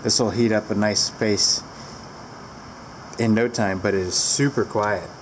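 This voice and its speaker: Very low-voiced woman reviewing a heater. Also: a little slow, a little hiss or hum. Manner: relaxed, rambling, with fillers. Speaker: product reviewer. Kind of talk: casual product review. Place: large barn indoors, door open to wind. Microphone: handheld camera.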